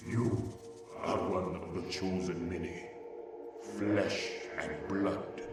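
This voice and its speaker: An actor voicing an ancient dying corpse god, solemn and slow in his pronouncements. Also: sits low, fairly even intonation, over music. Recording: distant echoey game audio with noise.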